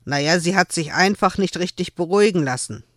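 Woman reading a kindly calm blacksmith man. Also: fairly low pitch, fairly quick, no echo, studio quality, close to an everyday voice. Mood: soothing.

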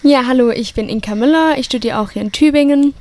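A twenty-year-old woman with a slightly high voice. She describes her student project tentatively in a studio interview and fills her pauses often. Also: darkish tone. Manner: tentative, many fillers.

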